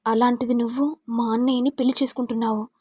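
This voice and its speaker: A woman voicing a heartbroken young man who speaks tearfully and haltingly. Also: fairly high pitch, flat delivery, mellow, slightly rough, no room sound. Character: young man grieving for his love, tearful.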